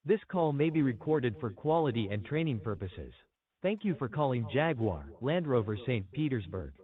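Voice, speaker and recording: Recorded phone menu message, man's voice, tinny phone line, lively pitch. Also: moderate pace, a crowd in the background. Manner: scripted, even announcer delivery. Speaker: automated phone greeting.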